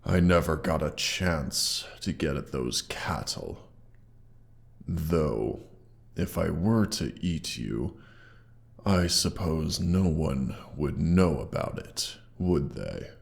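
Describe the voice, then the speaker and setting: Using a full, animated character voice, a man portrays a proud, menacing male dragon who is injured and guards a hoard, in a scripted roleplay audio monologue. His very deep, gravelly voice carries a processed monster effect, and his slow, deliberate, haughtily menacing speech uses archaic wording. The mood is musing and menacing.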